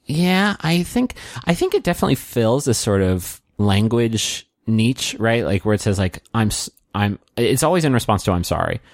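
A man co-hosts a casual podcast, joking around and slipping into goofy little voices mid-riff. His pitch swings widely as he talks. The sound is dry and close. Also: big pitch swings, normal speed, few pauses, no echo. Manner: jokey, riffs and does silly voices. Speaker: podcast co-host. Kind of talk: casual chat.

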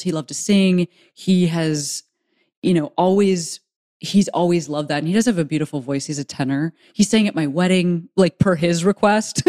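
A middle-aged woman hosts a casual chat in a low voice. She talks freely with wry, self-deprecating humor. The sound is dry and close. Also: warm tone, no echo. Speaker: host. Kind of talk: casual conversation.

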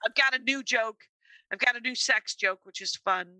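A woman comedian with a scratchy voice and vocal fry, chatting casually in a wry, self-deprecating way. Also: fairly high pitch, normal speed, sharp tone, no echo, far from the mic. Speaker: stand-up comedian and podcaster. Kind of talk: casual chat.

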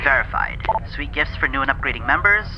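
A man's voice: medium pitch, animated, fairly quick. Guy playing a rocket pilot on a staticky sci-fi radio, clipped and sheepish, dull lo-fi sound. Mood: radio report. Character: male rocket ship pilot radioing mission control. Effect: crackly sci-fi radio communicator transmission. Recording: muffled lo-fi radio with heavy static.

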